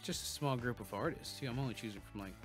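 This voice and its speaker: Man, stream host, mid-pitched, loose and rambling, casual cursing, faint music underneath. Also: fast. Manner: loose and musing, many restarts, swears casually. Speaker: livestream host.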